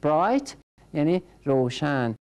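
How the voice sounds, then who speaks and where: A woman's voice: low-pitched, very animated, lo-fi sound. A woman teaching a language class, patiently drilling words by repetition and prompting each learner in turn. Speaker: English teacher.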